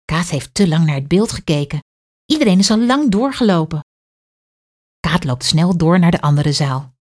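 A woman's voice: on the low side, moderate pace. A woman, reading a children's story aloud expressively. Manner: clear, expressive read-aloud.

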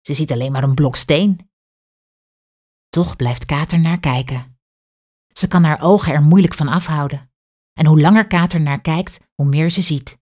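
A woman's voice: low voice, normal speed, long pauses. A woman, reading a children's story aloud expressively. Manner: clear, expressive read-aloud.

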